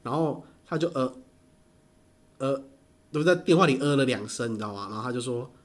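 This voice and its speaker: A man, telling stories in casual chat, animated and laughing often. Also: medium pitch, brisk.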